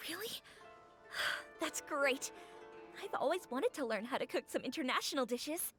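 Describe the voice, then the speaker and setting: An eager young restaurant owner from a game, upbeat and enthusiastic in a high voice that bounces up and down. Game music plays behind her. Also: lively intonation, unhurried. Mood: cheerful. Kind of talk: game character dialogue.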